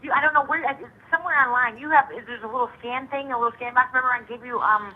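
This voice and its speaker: A woman's voice: high voice, slightly rough. A woman calling in from jail, talking over a prison phone line in a casual, loose way that trails off. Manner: talks fast and loosely, trailing off. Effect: heard over a prison phone line.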